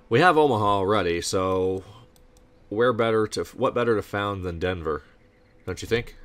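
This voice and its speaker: A man casually commenting on his strategy game as he plays, rambling and thinking out loud with sarcastic asides, on a desk mic without a pop filter. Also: low-pitched. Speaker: gameplay commentator. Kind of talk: casual let's-play commentary.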